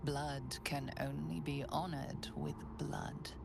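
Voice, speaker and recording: An actress voicing a calm, all-knowing storyteller who narrates a game in measured second-person prose. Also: female voice, deep voice, gravelly, over music, full character voice. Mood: solemn.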